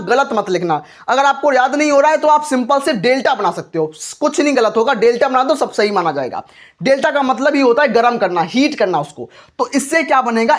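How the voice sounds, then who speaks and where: A man teaching a chemistry lesson, asking questions and answering them himself, earnest and encouraging. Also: very high voice. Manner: repetitive call-and-response questioning. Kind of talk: board exam chemistry lesson.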